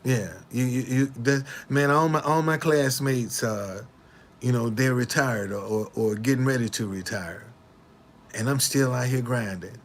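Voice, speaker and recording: A man's voice: medium pitch, measured pace, a little hiss or hum. Brash, slangy man near seventy. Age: 60s. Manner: animated, repetitive, indignant retorts; slangy, street-talk swagger. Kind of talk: casual talk to camera.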